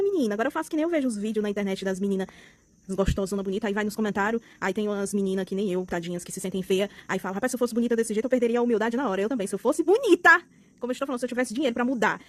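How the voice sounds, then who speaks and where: A young woman with a Brazilian Portuguese accent, venting outspokenly in a casual vlog, swinging between soft and loud. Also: on the high side, no room sound. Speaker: vlogger.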